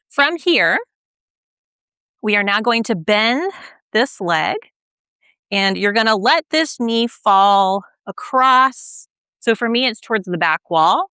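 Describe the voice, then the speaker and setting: A young woman guiding a stretching routine, gentle and patient, often checking in with the listener and a little out of breath as she stretches along. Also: medium pitch, no echo. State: slightly out of breath while stretching. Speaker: stretching instructor. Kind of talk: guided exercise instruction.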